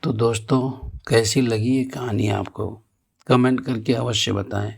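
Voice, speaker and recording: A man tells a spooky tale at a slow, measured pace. His voice is gravelly and husky, with an average male pitch. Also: fairly even intonation, darkish tone. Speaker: storyteller. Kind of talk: horror story narration.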